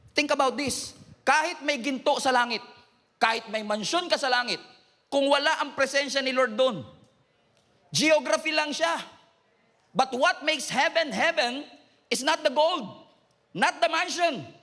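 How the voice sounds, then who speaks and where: A middle-aged Filipino pastor preaches to his church with a very high, bright and forceful voice, mixing Tagalog and English. He urges the crowd to raise their hands and climbs into shouts. The long reverb of a large church hall trails each phrase. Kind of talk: preaching a sermon to a congregation.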